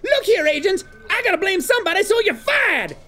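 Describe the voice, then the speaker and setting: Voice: extremely high pitch, very animated, fairly quick, sharp tone, soft background music, full character voice. An actor voicing a cocky, hot-tempered male pop star sock puppet in a goofy cartoon delivery for a parody sketch. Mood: ranting.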